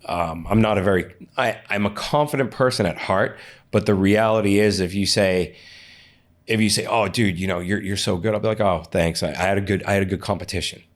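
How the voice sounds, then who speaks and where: A man's voice: fairly low pitch, fairly quick. A man in an interview, telling stories casually, often restarting and repeating words. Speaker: interview guest, athlete and coach.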